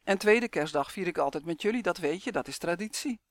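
A man reading a storybook aloud, voicing a fussy, worried old grandmother who talks briskly and frets. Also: sits high, animated, no echo. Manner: brisk, fretting.

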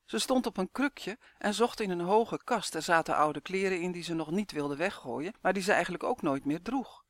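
A man's voice: high voice, normal speed, dry recording. Man reading a storybook, dry close sound. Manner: clear, even storytelling. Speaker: narrator.

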